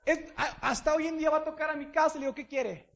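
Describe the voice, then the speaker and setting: A man's voice: extremely high pitch, little pitch movement, racing, background noise. A man telling a playful, funny personal story in a sermon. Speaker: speaker.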